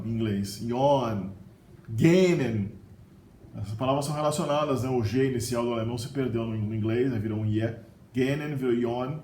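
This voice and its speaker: A man's voice: medium pitch, darkish tone. A middle-aged man with a Brazilian Portuguese accent, giving a casual video lesson on vocabulary, often tagging sentences with a questioning "né?". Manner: chatty, often adds "né?". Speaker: language teacher. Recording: roomy echo with faint ambience.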